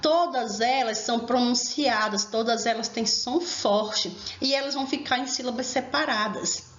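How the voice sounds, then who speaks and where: A woman teacher giving a recorded grammar lesson, explaining slowly and emphatically and speaking directly to her students. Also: fairly high pitch, fairly bright tone, slight background noise. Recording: echoey room, dull lo-fi sound.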